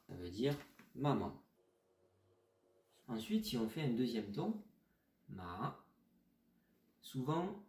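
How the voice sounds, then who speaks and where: A man's voice: medium pitch, warm tone, distant mic. Man teaching tones in a roomy space. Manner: patient, explanatory, models tones slowly. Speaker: Chinese teacher. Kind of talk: pronunciation lesson.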